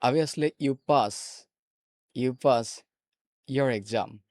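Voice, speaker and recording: A host with a Bangladeshi accent jokes through a casual video chat with a stranger, speaking slowly in a medium-pitched, slightly mellow voice. He is teasing and playful, laughing and often repeating phrases. The sound is dry and close, with no echo or room in it.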